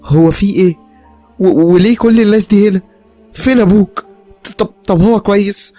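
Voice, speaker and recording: A man's voice: a little high, rapid-fire, dark tone, slightly rough, no room sound, faint music behind, voice pushed up. A man voicing a distraught Egyptian mother who pleads frantically and tearfully. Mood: frantic.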